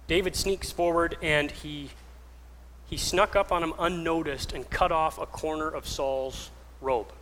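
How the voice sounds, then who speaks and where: A fairly high-voiced man preaching in a big hall with a long echo and a faint hum of ambient noise. He tells the story vividly, dropping to whispers and rising into raised, fervent passages. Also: fairly even intonation, a little slow, fairly bright tone. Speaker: pastor. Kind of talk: sermon.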